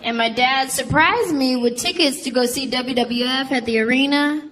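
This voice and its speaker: A young woman performing a stand-up comedy set, telling stories in an animated way and shouting out voices. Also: high voice, normal speed. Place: comedy stage before a laughing audience. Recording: live stage audio with crowd noise.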